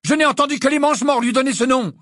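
A man's voice: very high-pitched, fast talker, a bit bright, no room sound, clean studio sound, pitched above the performer's own voice. A man reading an audiobook, voicing a defiant teenage wizard student. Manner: defiant, challenging. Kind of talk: audiobook character voice.

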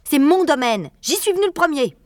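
A man's voice: extremely high pitch, big pitch swings, fairly quick, no echo, clean studio sound, voice pushed up. A man voicing a greedy, territorial rat who screeches and snaps insults in a storybook reading. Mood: shrill, furious. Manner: shrieking, snapping insults.

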